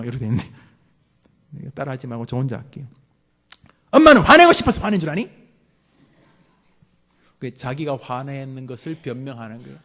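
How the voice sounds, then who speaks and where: A middle-aged man, a pastor giving a sermon to a mothers' prayer meeting, joking and acting out scolding parents. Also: a little high. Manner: lively, jokes with the congregation and acts out parents' scolding.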